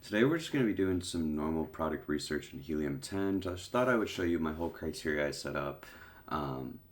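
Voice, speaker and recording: Speaking a little fast in a very deep voice, this young online seller teaches product research through a laid-back screen recording. A cold has left him congested, and his explanations lean heavily on "um."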